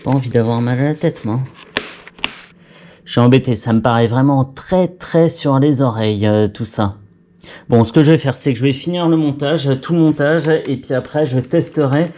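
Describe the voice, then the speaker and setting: Mellow-voiced man muttering while he works. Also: medium pitch, normal speed. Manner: chatty, muttering to himself, self-mocking. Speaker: vlogger fitting a helmet intercom. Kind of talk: casual talk to camera while working.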